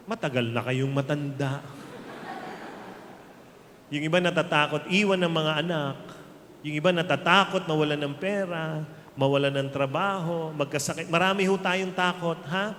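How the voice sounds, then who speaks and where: A man with a Filipino accent preaching a sermon, speaking slowly and emphatically and mixing in jokes for his congregation. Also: fairly high pitch, fairly bright tone. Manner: slow, emphatic preaching that mixes Tagalog and English, with jokes to the crowd. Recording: reverberant hall, faint ambient noise.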